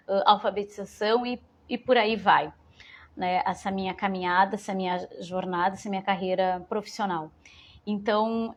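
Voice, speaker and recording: A woman, giving an informal parenting talk to mothers and often rephrasing as she goes. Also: medium pitch. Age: 40s. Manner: warm, conversational, repeats and rephrases phrases. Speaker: educator speaking to mothers.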